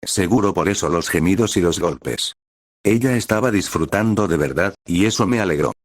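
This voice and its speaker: A man narrating a first-person story in a slow, even reading voice. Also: low-pitched, no echo, studio quality.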